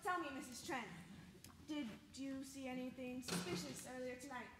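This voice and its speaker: A woman acting a brisk amateur detective on stage, asking businesslike questions. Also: high-pitched, natural voice. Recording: distant echoey stage recording with faint hiss.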